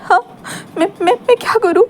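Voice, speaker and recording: A woman's voice: high-pitched, fairly even intonation, brisk, dark tone, slight background noise, close to an everyday voice. A woman voicing a heartbroken young man who cries and stammers while pleading to be loved. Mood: sobbing. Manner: sobbing, stammering, repeating words. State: crying.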